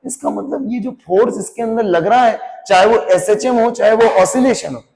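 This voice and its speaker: A man's voice: extremely high pitch, moderate pace, gravelly, darkish tone, long reverb tail. A man teaching a physics class, who keeps asking the students questions to check that they follow. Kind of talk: classroom lecture.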